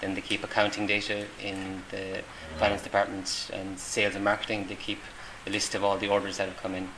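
This casual interview features a middle-aged Irish volunteer whose fairly low voice is completely flat and a little fast. He hesitates throughout, restarting often and saying um a lot. The recording carries noisy room ambience.

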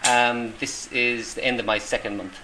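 A middle-aged Irish volunteer answers questions in a casual interview, hesitating often with many ums and restarts. His medium-pitched voice is level and sharp, at a moderate pace. Noisy room ambience fills the background.

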